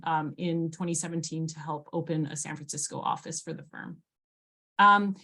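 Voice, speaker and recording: A woman in her forties from Hawaii, giving a relaxed webinar presentation over a video call with frequent ums and uhs. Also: fairly low pitch. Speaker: guest speaker.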